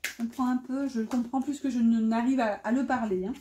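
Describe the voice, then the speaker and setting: A woman reads tarot cards in a casual, chatty way, full of fillers and self-mocking asides. Her voice sits a little high and sounds soft and mellow. The room around her is echoey. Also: fairly even intonation, a little fast. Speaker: tarot reader.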